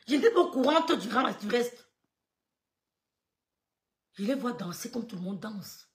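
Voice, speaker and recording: Woman, higher voice, animated casual storyteller, roomy echo. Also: a little slow. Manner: swings loud and soft, quotes others, stammers and laughs. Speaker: storyteller recounting gossip.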